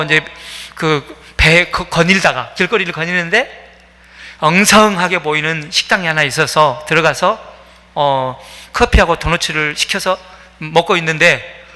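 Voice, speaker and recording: Storytelling pastor in a ringing hall. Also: male voice, on the high side, bright, forceful tone. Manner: storytelling, acts out quoted voices, fillers. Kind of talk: sermon. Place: church sanctuary. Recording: long reverb of a church hall.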